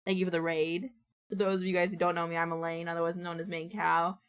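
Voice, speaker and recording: A woman's voice: fairly low pitch, little pitch movement, fast, clean tone. A woman streamer chatting casually with her viewers, playfully exasperated and swearing freely, her voice a little worn out. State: voice nearly gone from strain. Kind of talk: casual livestream chat with viewers.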